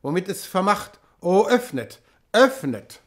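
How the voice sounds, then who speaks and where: A man's voice: high voice, moderate pace. A man reading an audiobook, voicing a devout abbot in his fifties who questions the fishermen and grows urgent. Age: 50s. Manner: questioning, then urgent and excited.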